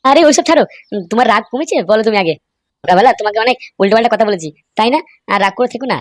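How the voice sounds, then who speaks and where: A woman voicing men in a crude comic cartoon, talking in rapid, coarse, scolding banter. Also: on the high side, lively intonation, no echo, clean studio sound.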